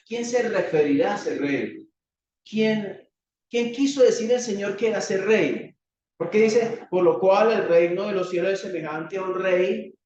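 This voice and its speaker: Slow, high-voiced Colombian preacher in an echoey hall. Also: male voice, a little mellow, slight background noise. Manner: rhetorical questions, measured preaching with dramatic pauses. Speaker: pastor. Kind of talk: sermon. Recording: echoey hall, distant dull mic.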